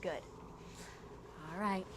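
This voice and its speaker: A woman playing a calm mother who speaks softly and gently to her son, in a noisy video played back on stream. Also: very slow. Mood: hushed. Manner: hushed, gentle.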